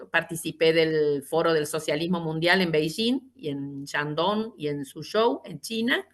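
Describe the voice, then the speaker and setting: A woman in her fifties with an Argentine accent, giving a measured, unhurried account as an interview guest, with frequent fillers and restarts. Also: sits low, a bit bright. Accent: Argentine Spanish. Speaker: interview guest, lawyer and party leader. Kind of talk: long reflective answer in an interview.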